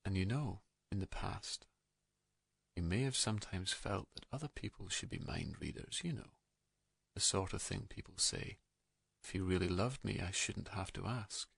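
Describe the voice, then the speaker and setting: His deep voice has a creaky, breathy edge as he narrates a guided meditation. He's calm and gentle, leaving soothing, unhurried pauses between soft phrases, and the audio has no echo.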